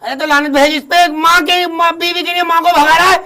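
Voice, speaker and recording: A man's voice: very high-pitched, level tone, brisk, sharp tone, exaggerated voice. A man playing a wealthy, fierce old mother-in-law in a comedy sketch, scolding and pleading melodramatically. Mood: furious.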